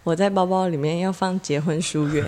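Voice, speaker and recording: A woman's voice: fairly low pitch, fairly even intonation, fairly quick, a crowd in the background. A woman with a Taiwanese accent chatting casually as a podcast co-host, improvising skits in a playful, mock-dramatic way. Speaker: podcast co-host, tour leader.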